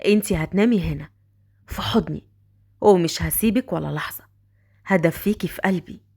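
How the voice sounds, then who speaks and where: A woman's voice: on the low side, gravelly, warm tone, slightly rough, voice pushed down. A woman voicing a teasing older man, Egyptian. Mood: coaxing. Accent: Egyptian Arabic. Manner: coaxing, drawn-out lines. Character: smitten older rich man, slow and teasing.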